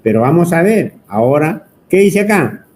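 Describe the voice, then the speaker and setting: A man's voice: a little high, very animated, moderate pace, a little mellow, slight background noise. A man teaching an electronics class, talking at length and teasing his students. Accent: Peruvian Spanish. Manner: chatty, teasing, asks the class constantly. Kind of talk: whiteboard lecture.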